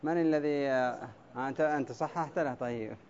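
A male teacher in a classroom, going over poetic meter at the board, drawing words out slowly syllable by syllable and calling on students by name. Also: mid-range voice, a little mellow, dull audio, slight background noise. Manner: quizzes students by name, brief praise. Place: classroom with a blackboard.

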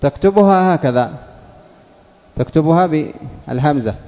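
A male teacher giving a classroom lesson, patiently asking questions and repeating words slowly for his students. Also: on the high side, expressive. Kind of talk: classroom lesson on Arabic spelling. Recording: dull lo-fi recording, long reverb of a hall.

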